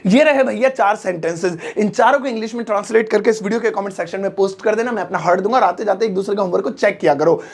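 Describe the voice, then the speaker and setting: Male English tutor, gravelly tone, jokey and chatty, spells out phrases slowly. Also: high voice. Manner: joking, chatty, slangy teasing asides. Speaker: English teacher. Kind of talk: casual spoken-English lesson.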